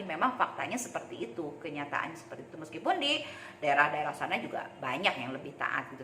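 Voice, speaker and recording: A woman's voice: sits low, sharp tone. A woman talking casually to her viewers as a video host, chatty, with plenty of fillers and tag words. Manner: chatty, with many fillers and tags. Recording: echoey room with faint noise.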